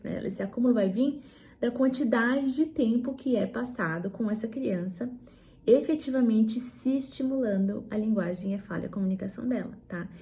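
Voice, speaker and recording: A woman's voice: fairly high pitch, warm tone. A Brazilian woman speech therapist giving an educational talk to parents, in a didactic style that often checks in with "né?" and "tá?". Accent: Brazilian Portuguese. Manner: didactic, frequent "né?" and "tá?" tag questions.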